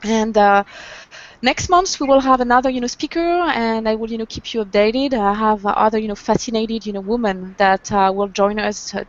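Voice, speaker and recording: A woman's voice: fairly high pitch, steady tone, moderate pace. A woman hosting an interview series, speaking graciously and sprinkling her sentences with "you know". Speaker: interview host. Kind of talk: online interview conversation. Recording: muffled lo-fi audio.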